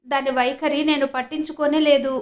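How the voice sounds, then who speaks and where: A woman's voice: high voice, flat delivery, brisk, voice pushed up, lightly acted. A firm, scolding mother, read by a woman.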